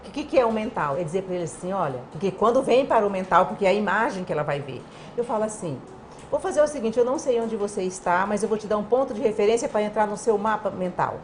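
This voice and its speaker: A woman guest on an interview program, explaining communication in a lively way and acting out little dialogues. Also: mid-range voice, fast talker, slight background noise. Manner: animated, acts out quoted dialogue.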